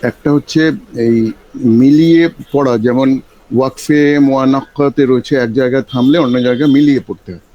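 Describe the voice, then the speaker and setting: A man's voice: mid-range voice, steady tone, a little fast, warm tone, dull audio. A male student, politely asking careful questions in a class.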